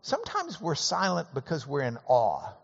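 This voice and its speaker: A man teaching a Bible class, animated and conversational with folksy asides. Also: on the high side, normal speed, gravelly, husky. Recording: reverberant hall, dull lo-fi sound.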